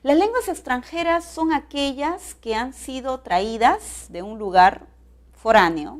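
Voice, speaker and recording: A woman teaching a recorded class, explaining step by step and often checking in with tag questions. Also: medium pitch.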